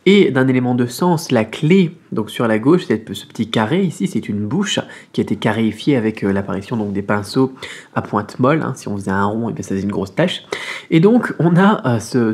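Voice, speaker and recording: Male language teacher, upbeat and explanatory, husky tone, spells things out slowly. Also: mid-range voice. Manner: slows to spell out syllables. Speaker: Mandarin teacher. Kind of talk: online language lesson.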